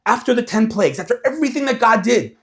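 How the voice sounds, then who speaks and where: A man talking casually to an audience, animated and acting out quoted voices as he explains. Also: extremely high pitch, quick pace. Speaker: speaker.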